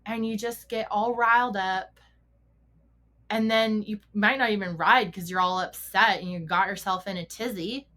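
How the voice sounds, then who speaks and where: A woman's voice: medium pitch, fairly even intonation, moderate pace, pushed and bright. Chatty woman coaching horse riders. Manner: conversational, self-correcting, laughs often, rhetorical questions. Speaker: podcast host and mental performance coach for riders. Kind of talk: casual solo podcast talk.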